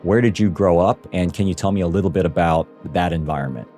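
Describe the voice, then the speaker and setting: A man's voice: low voice, fast, dark tone, faint music behind. A man hosting a career podcast and asking his guest questions. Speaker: podcast host. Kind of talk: interview podcast.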